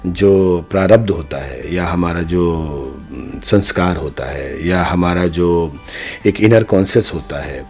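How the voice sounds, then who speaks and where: Low-pitched, husky, and dark, this middle-aged man speaks slowly as a podcast guest and veteran news journalist. He shares reflective opinions emphatically, leaning on rhetorical repetition. Soft music plays behind him.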